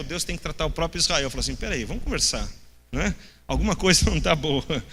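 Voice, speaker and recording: A man's voice: on the high side, sharp tone. A Brazilian man teaching a church Bible class, addressing the listeners as brothers and acting out the people's questions in a mocking tone. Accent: Brazilian Portuguese. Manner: talks straight to the class as brothers. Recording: long hall reverb.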